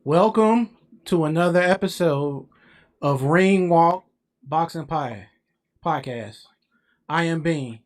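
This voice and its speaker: A man hosting a podcast, asking short questions in an unhurried way. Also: fairly high pitch. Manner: unhurried, brief questions and affirmations. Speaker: podcast host. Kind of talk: casual podcast interview.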